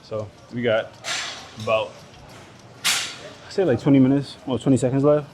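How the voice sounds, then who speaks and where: Mid-workout, a Nigerian-accented fitness vlogger talks casually to the camera at a normal speed in a mid-range voice, English being his second language. His chat is slangy, joking and sometimes profane. A clip-on body mic records him in a busy indoor gym, with gym chatter making the background noisy.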